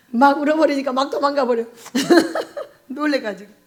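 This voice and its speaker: A woman's voice: sits high, a little slow. A middle-aged woman pastor giving a conversational sermon, putting rhetorical questions to the congregation and often breaking into laughter. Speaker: pastor and prayer house director.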